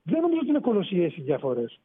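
A man, a sports reporter phoning in to a radio show, explaining in an animated way. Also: high-pitched, breathy edge, no echo. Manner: explanatory, animated, rising emphasis. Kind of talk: sports radio phone-in analysis. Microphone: phone. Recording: tinny phone line on radio.

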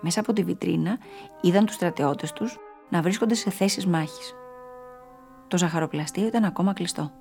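Lower-pitched woman reading a storybook. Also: vocal fry, pauses often, darkish tone, faint music behind. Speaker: narrator. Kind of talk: storybook narration.

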